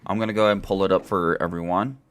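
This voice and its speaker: Podcast host, male, deep and smooth, casual rambling delivery, dry close mic. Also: fairly even intonation, rapid-fire, no room sound. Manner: rambling, lots of uh fillers. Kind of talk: casual gaming podcast chat.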